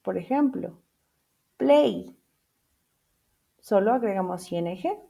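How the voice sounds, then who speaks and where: A woman's voice: mid-range voice, animated, takes it slowly, gravelly, warm tone. A woman teaching an English grammar lesson in two languages, spelling out letters, repeating each example and checking in with her class through questions.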